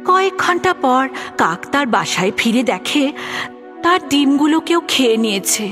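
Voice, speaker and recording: A woman narrating a children's animated moral story, expressive and speaking to the young listener. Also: high-pitched, normal speed, soft background music.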